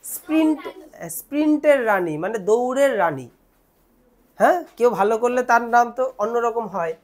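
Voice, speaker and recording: A young female teacher speaking with a Bengali accent goes through a lesson stepwise, questioning and then answering herself and repeating words at a slow pace. Her pitch is fairly high, her delivery animated and a little mellow.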